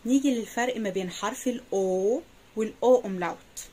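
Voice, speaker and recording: A woman's voice: a little high, dark tone. A young woman with an Egyptian Arabic accent gives a German pronunciation lesson, saying each word twice in a patient, careful way. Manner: slow, patient, careful repetition. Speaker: German teacher.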